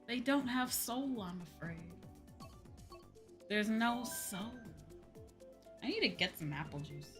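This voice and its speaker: With video game music behind her, this VTuber streamer chats casually as she plays, opinionated, emphatic and freely profane. She has a fairly high-pitched, fairly bright voice.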